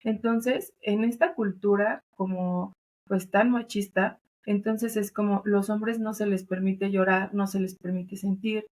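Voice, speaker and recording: Speaking at a measured pace with fairly even intonation, this mid-range, slightly mellow voice belongs to a doula and thanatologist with a Mexican accent. As a podcast guest, she explains earnestly and conversationally, peppering her talk with fillers and tag questions.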